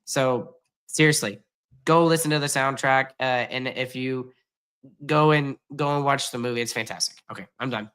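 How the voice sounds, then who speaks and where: A man's voice: medium pitch, normal speed, a bit bright, clean tone. A man co-hosting a casual podcast, a music teacher who talks emphatically and gushes as he urges listeners on. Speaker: podcast co-host; junior high music teacher.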